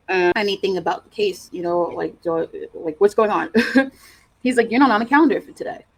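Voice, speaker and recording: Halting New woman on a video call. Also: fairly low pitch, darkish tone, poor audio. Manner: halting, emotional telling with many fillers and restarts. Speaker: interview guest. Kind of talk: personal account in an online interview.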